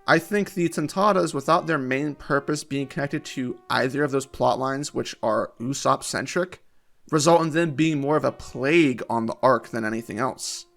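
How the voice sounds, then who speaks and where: A man reading scripted video-essay narration in a measured, critical manner. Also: mid-range voice, vocal fry, a bit bright.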